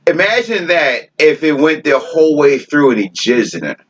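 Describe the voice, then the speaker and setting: A podcast co-host with a slightly high, very animated voice tells a story at normal speed in casual, profane chat, laughing often. The audio is dull and lo-fi.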